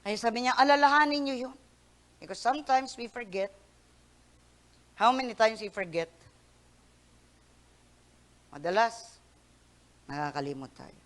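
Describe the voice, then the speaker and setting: A woman pastor giving a Sunday sermon, mixing Tagalog with English, swinging from loud emphatic peaks to soft near-whispers and stretching words out for emphasis. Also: medium pitch, measured pace, pauses often. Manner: mixes Tagalog with English phrases.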